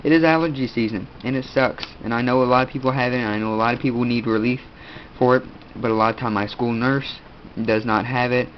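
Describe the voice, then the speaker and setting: A teenage boy with a blocked nose hosts a casual video, showing off his gear in a mid-range, steady voice. He rambles and halts, packing his talk with fillers. The lo-fi audio sounds dull, with faint room noise behind him.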